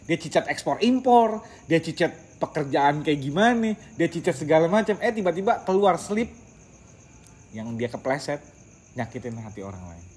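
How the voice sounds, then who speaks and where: A man who leads a casual Quran study group, talking in a lively way, slipping in English words and calling his listeners by their nicknames. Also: on the high side, normal speed, slightly rough. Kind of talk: casual religious study talk.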